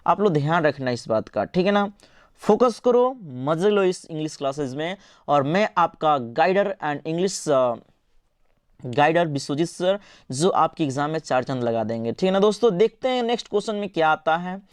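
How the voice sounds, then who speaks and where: A man teaching an English grammar lesson in Hindi, quizzing his students and answering his own questions in a coaxing, lively way. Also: fairly high pitch, normal speed, smooth, no echo, studio quality. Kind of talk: online exam-prep lesson.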